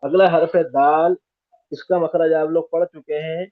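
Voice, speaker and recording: A man's voice: fairly high pitch, fairly even intonation. A man from India teaching Quranic letter pronunciation step by step, sounding out each letter and correcting common student mistakes. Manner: demonstrates letters by sounding them out repeatedly. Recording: tinny phone-like audio.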